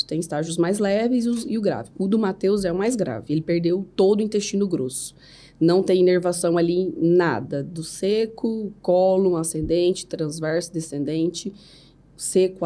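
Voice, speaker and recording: Earnest Brazilian woman with a mellow voice. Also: lowish voice, moderate pace. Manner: earnest, faith-filled storytelling with frequent "né?" tags. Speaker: podcast guest. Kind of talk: emotional personal testimony.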